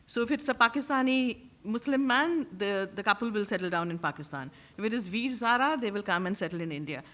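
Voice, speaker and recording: Mid-pitched woman discussing on a panel. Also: a bit bright. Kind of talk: analytical, unscripted panel discussion.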